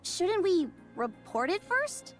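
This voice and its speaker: A chatty young squad girl from a game, high and bouncing in pitch. She bickers and dithers in quick banter. Soft music runs behind. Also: very animated, heavily acted. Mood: bickering. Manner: bantering and indecisive. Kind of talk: game voice acting.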